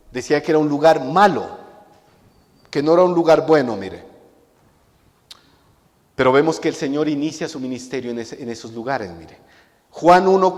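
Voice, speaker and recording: A man's voice: on the high side, a little mellow. A male pastor preaching a sermon to his congregation, emphatic and full of rhetorical questions, often repeating a key word for weight. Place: church hall. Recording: long hall reverb.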